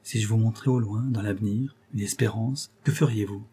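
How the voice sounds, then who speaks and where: A man's voice: lowish voice, fairly even intonation, brisk, warm tone, slightly rough. A man voicing a resolute young noblewoman. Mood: hushed.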